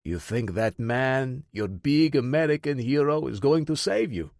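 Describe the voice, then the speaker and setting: A harsh, menacing interrogator with a thick Russian accent, as a male audiobook narrator voices him. The voice is pushed higher than the reader's own and sounds dry and close. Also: animated, moderate pace, a little mellow, no echo. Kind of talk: audiobook character voice.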